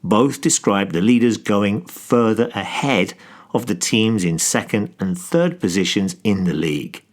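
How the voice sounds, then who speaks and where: A man co-hosting a podcast that teaches English through football, explaining phrases in a measured, explanatory way. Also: on the low side, expressive. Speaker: podcast co-host. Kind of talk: scripted football English lesson.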